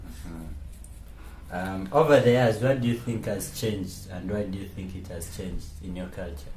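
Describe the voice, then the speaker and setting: A man from Uganda interviewing a guest, asking soft-spoken questions with short fillers in between. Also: low-pitched, measured pace. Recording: echoey room with faint noise.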